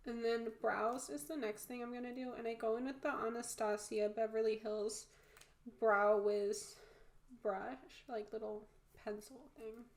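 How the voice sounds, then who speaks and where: Female makeup vlogger, stuffy-nosed and creaky, informal and candid, recorded in a roomy space. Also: on the high side, level tone, unhurried. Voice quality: congested, blocked-nose sound. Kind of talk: casual chatty makeup tutorial. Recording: roomy echo.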